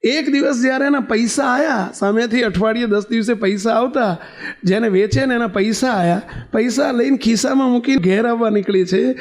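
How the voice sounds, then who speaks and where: Guy preaching, pretty high voice, earnest and pleading, repeats stuff for emphasis. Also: normal speed. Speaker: swami preaching. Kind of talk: sermon with storytelling.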